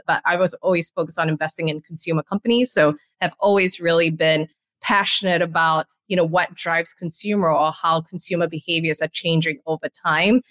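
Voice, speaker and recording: A woman's voice: fairly low pitch, fairly bright tone, dry recording. A woman from Singapore, a company founder, telling her story in a chatty way as a podcast guest. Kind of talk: interview answers.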